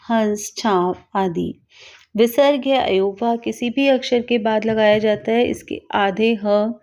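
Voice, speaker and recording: A woman teaching a grammar lesson, reading out example words slowly and carefully, one at a time. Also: medium pitch, a little mellow. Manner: slow, careful, spells out each example word. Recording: dull lo-fi recording.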